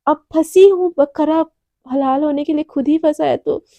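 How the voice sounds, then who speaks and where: A woman's voice: high voice, normal speed, warm tone, no room sound. A woman voicing a chatty young junior woman colleague who grumbles to herself, in a told love story. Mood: grumbling.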